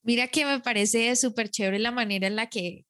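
A woman's voice: on the high side, steady tone, moderate pace, sharp tone. A woman hosting an interview, asking long, enthusiastic, winding questions. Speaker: interview host. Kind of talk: conversational interview.

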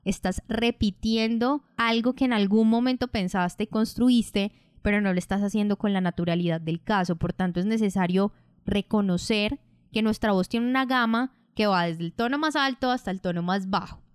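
A woman teaching public speaking on her podcast in a calm, measured, explanatory way. Her voice is smooth and resonant, with a medium pitch. The close mic sounds dry and intimate. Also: no room sound. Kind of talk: instructional podcast narration.

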